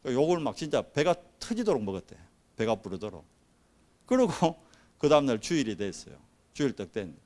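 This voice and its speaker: A male pastor with a Gyeongsang accent, preaching a sermon as an animated story and acting out the people in it. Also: medium pitch, moderate pace. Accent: Gyeongsang Korean.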